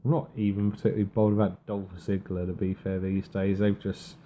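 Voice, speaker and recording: A man's voice: sits low, level tone, brisk, mellow, a little hiss or hum. A man co-hosting a wrestling podcast in casual chat, sounding unenthusiastic and dismissive. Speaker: podcast co-host.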